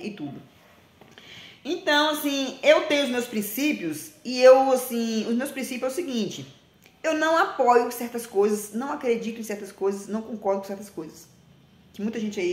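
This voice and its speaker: A blunt, emphatic vlogger in her forties talks casually straight to camera, repeating herself and often saying "tá?" Her voice is on the high side, echoing in a small indoor room with a plain wall.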